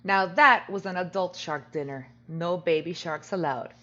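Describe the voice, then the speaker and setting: A woman's voice: lowish voice, normal speed, pushed and bright. A woman hosts a comedy variety show, tossing out sassy jokes and asides. Her audio is somewhat dull and lo-fi. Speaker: host.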